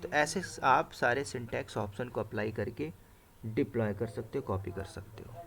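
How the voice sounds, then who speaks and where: A man's voice: mid-range voice, normal speed, creaky, crowd noise. A man teaching a live command-line class, explaining each step and checking in with "right?" and "okay" as he types. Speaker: instructor. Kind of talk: live screen-share coding class.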